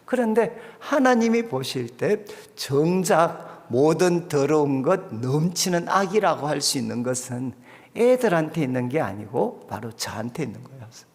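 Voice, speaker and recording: Animated pastor preaching in a reverberant hall. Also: male voice, fairly high pitch, normal speed. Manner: storytelling with swings between loud emphasis and quiet asides. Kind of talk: sermon. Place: church sanctuary.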